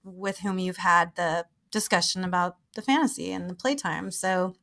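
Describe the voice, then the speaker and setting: A woman's voice: lowish voice, moderate pace, vocal fry, fairly bright tone. Sex: woman. Role: chatty podcast host. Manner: chatty, laughs often, many "like" fillers. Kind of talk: casual interview chat.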